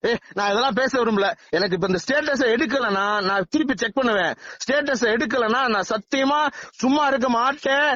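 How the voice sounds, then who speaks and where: A man's voice: very high voice, brisk, fairly bright tone, no echo. A man from Tamil Nadu, a legislator, heard over a phone line making insistent, threatening demands in a heated private call. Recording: muffled phone call recording.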